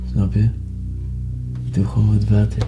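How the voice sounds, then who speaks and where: A man's voice: on the low side, monotone, a little slow. A man chatting casually in slang, coaxing a friend along. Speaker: friend helping with the experiment. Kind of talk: casual chat. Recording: dull sound, music laid under. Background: background music.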